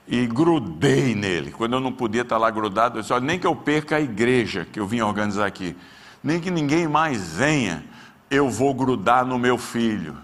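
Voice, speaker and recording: A man preaches a sermon. He tells a story from his own life with plain emotion, and his voice climbs higher at the big moments. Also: expressive, normal speed. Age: 60s. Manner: emotional storytelling, voice rising in pitch at peaks. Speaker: pastor. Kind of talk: sermon with personal testimony.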